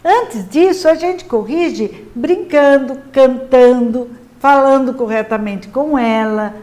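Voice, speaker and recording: A woman with a Brazilian Portuguese accent giving a patient, clear lesson to parents on helping children speak correctly. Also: high voice, darkish tone. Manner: patient, explanatory, models words slowly and clearly. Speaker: literacy teacher advising parents. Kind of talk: instructional talk to parents.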